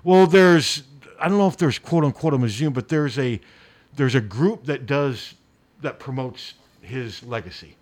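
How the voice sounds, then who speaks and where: A man's voice: mid-range voice, a little mellow. A man hosting sports radio, rambling and correcting himself as he talks. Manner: fast, rambling, self-correcting. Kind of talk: casual sports talk.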